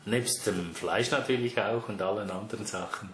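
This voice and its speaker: Chatty Swiss German butcher in echoey shop. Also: male voice, lowish voice, normal speed. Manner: chatty, laughs easily. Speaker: butcher, fourth-generation shop owner. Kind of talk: casual interview answers. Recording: echoey room with faint noise.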